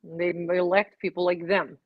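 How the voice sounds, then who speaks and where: A woman's voice: fairly low pitch, little pitch movement, a little slow, dry recording, muffled recording. An older woman co-hosting a casual talk show, who makes dry, blunt jokes. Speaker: co-host, mother.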